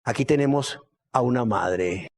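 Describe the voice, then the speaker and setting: A man preaching a sermon dramatically, asking rhetorical questions and swinging from soft to shouting. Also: medium pitch, a little slow.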